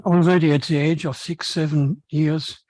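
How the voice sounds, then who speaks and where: Male event speaker, native German with German accent, mellow and slightly high-pitched, halting formal delivery. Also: fairly even intonation, dry recording. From Cologne, Germany. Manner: halting, formal, reading from text. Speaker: event speaker, foundation co-founder. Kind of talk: prepared welcome speech.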